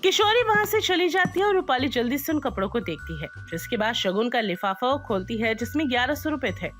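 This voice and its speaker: A woman narrating an animated moral story in a scripted, expressive storyteller manner. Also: high voice, a little fast, soft background music.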